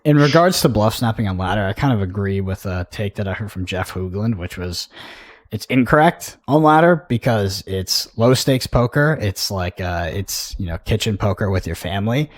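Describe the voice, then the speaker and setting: Low-voiced laid-back male co-host, dry sound. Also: animated, moderate pace, no room sound. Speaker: podcast co-host. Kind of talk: casual chat.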